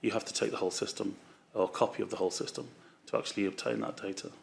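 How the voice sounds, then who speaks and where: Witness, male, low and gravelly, voice worn by flu, halting testimony. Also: steady tone, slight background noise. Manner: halting, many fillers and restarts. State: voice going from flu. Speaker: witness at a public inquiry. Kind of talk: formal testimony.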